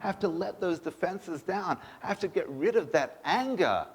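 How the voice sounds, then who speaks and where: Male rabbi, emphatic sermon delivery, high-pitched with a slightly raspy voice, long hall reverb. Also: normal speed. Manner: animated, emphatic preaching with rhetorical questions. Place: synagogue sanctuary. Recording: echoey synagogue hall.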